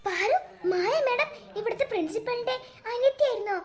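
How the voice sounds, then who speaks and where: Worried cartoon mom, anxious and scolding, very high and quick, voiced by a young-sounding performer. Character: worried protective mother of a schoolgirl. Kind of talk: cartoon voice acting.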